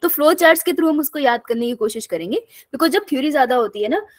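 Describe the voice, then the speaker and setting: A woman's voice: sits high, expressive, fast, dry recording. A young woman teaching a live online biology class in a casual, chatty way, telling stories and often laughing.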